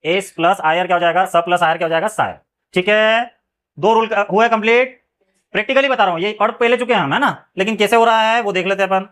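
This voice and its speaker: A man teaches an English phonics lesson in classroom style, speaking quickly in a high, fairly bright voice with fairly even intonation. After nearly every word he asks his students a question and answers it himself, often adding a check-in phrase after making a point.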